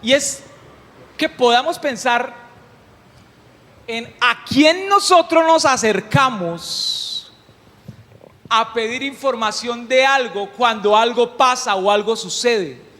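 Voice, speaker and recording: A man preaching a sermon, animated and humorous, often putting questions to the congregation. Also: extremely high pitch, takes it slowly, long pauses. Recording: long hall reverb.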